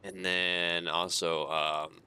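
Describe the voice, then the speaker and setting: Stretching his words out in a clean, low-pitched voice, a tired man streams a game and yawns as he builds. He thinks aloud, chuckles a lot, and rambles easily while soft music plays in the background.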